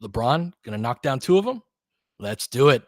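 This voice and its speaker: Very animated at a moderate pace, a medium-pitched American man gives casual, partisan basketball play-by-play as host and fan commentator. He uses clipped, colloquial phrases in the present tense. The studio sound is clean, with no room sound.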